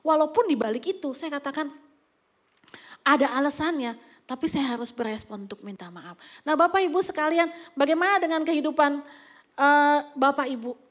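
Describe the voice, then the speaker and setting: A woman pastor preaches in a chatty, storytelling way and slips into whispered asides now and then. Her voice sits very high, and she. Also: lively intonation, moderate pace. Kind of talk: conversational sermon. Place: church service.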